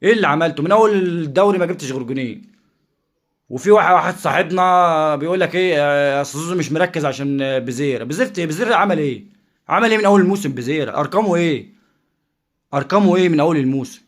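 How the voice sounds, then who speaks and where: An Egyptian man rants at breakneck speed in a solo video, hammering the same rhetorical questions again and again. His voice sits a little high, and his manner stays confrontational and insistent throughout. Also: rapid-fire. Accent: Egyptian Arabic. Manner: combative, rhetorical, repeats questions. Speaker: football commentator and channel host. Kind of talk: heated solo rant to camera.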